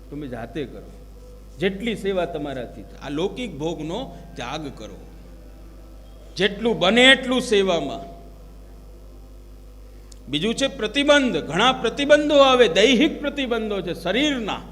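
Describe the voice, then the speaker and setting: Telling stories and asking his listeners rhetorical questions, a male religious preacher delivers a devotional sermon in a high, fairly bright voice. The recording carries slight hiss or hum, long hall reverb, and faint music.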